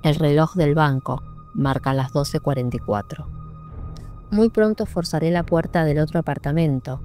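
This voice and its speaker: A woman narrating an audiobook in a measured, sombre reading. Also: low voice, warm tone. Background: faint music.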